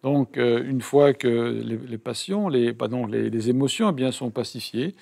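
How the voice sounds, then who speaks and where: A man's voice: medium pitch, normal speed, gravelly, dark tone. A man interpreting a meditation teaching live, hesitant, with many fillers and self-corrections.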